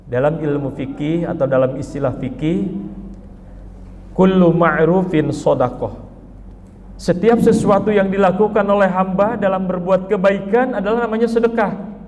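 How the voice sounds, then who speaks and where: A man preaching a sermon in a mosque, emphatic, his voice rising high when he voices a pleading sinner. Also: moderate pace, a little mellow, slight background noise. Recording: muffled hall recording with long reverb.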